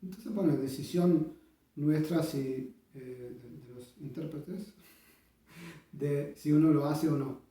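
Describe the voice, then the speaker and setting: A man teaching bandoneon, explaining in a thoughtful way with many pauses and sung-out rhythms. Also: a little high, dark tone. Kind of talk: instructional explanation. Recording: echoey room, voice from a distance.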